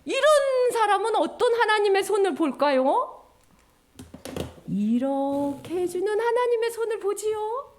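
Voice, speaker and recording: A woman giving a children's sermon in a lively, sing-song storytelling way, acting out little voices. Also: very high-pitched, a little slow.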